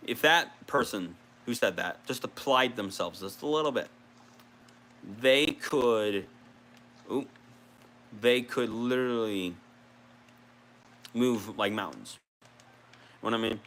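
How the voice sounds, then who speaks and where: A man's voice: mid-range voice, expressive, slow, pauses often, a bit bright. A man rambling casually on a gaming vlog, restarting sentences and swearing now and then. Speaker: video creator.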